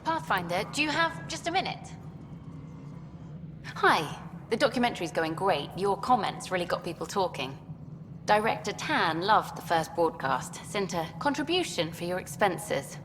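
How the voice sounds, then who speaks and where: An eager, chatty documentary journalist. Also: female voice, lowish voice, big-room sound, background noise. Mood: bright, eager. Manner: brisk, lively, interviewing.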